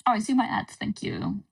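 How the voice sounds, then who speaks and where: A woman's voice: on the high side, vocal fry, breathy edge. A Dutch woman chatting casually on a livestream, her voice echoing distantly as if in a cave. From Netherlands. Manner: casual, relaxed talk with frequent pauses. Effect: distant cave-like echo on her voice. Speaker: livestream guest. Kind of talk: casual chat. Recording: distant, echoey stream audio.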